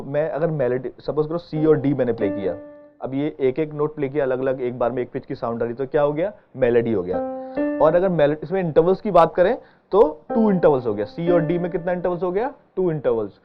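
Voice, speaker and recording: Patient keyboard teacher, man. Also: fairly high pitch. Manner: patient, explaining step by step with frequent check-ins. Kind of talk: online music lesson. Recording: dull lo-fi sound with keyboard playing behind.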